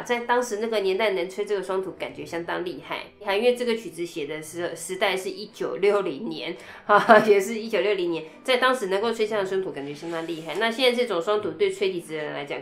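Woman, Taiwanese Mandarin accent, flute lesson, explains step by step, mid-pitched voice. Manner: chatty, explains step by step with sung rhythm syllables. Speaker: flute teacher. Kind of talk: instrument technique lesson. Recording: echoey room, faint music.

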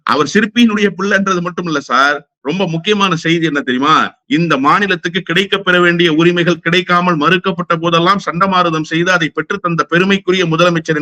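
Man, high bright voice, combative political guest, dry close sound. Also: no room sound. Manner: combative, fires rhetorical questions. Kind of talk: heated political interview.

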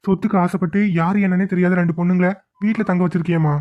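An uneasy, doubtful young son in a cartoon, voiced by a woman. He grumbles in a lowish, quick voice. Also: fairly even intonation, muffled recording, lightly acted.

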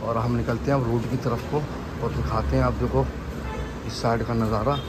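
Man, walking-tour vlogger, flat steady delivery, loud street noise behind. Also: medium pitch, moderate pace. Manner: flat, steady guiding narration addressing viewers as friends. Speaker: travel vlogger. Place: outdoors on city streets. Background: loud traffic and street noise.

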